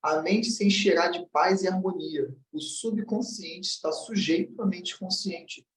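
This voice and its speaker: A man's voice: high-pitched, a little slow. A man giving a commented book reading lesson in a blunt, direct way, acting out the voices he quotes. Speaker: teacher of self-knowledge. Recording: roomy, distant mic.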